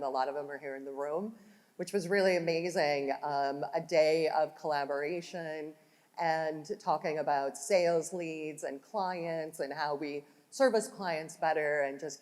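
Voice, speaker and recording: Low-voiced woman leading a conference panel. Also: darkish tone. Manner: conversational, filler-heavy. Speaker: panel host. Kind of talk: corporate panel Q&A. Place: conference hall. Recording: hall reverb from room mic.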